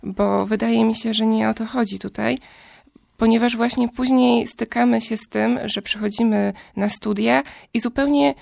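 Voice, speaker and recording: A young woman explains her view in a casual conversation, spinning long, careful sentences. Her voice sits a little high and has a gravelly fry. The sound is dry and close. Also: fairly even intonation, darkish tone, dry recording. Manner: measured, explanatory, builds long argued sentences. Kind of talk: casual discussion.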